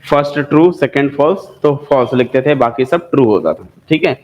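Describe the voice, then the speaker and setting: A man's voice: mid-range voice, lively intonation, fairly quick, a little mellow, poor audio. A man with an Indian accent teaching a maths lesson, who repeats key terms and asks and answers his own questions. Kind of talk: classroom lecture.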